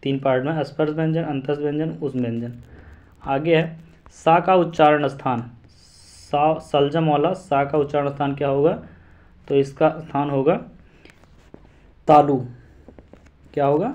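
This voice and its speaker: A man's voice: on the high side, flat delivery, a little slow, pauses often, darkish tone. A man teaching an exam-prep lesson, repeating syllables and memory rhymes aloud to drill them in.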